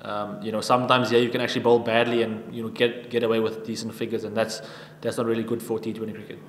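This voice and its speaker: A man in his thirties answering questions at a post-match press conference at a table mic, even-toned and halting with frequent restarts. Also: lowish voice, a little hiss or hum. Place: press conference room with sponsor backdrop. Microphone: table microphone. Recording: echoey room with long reverb.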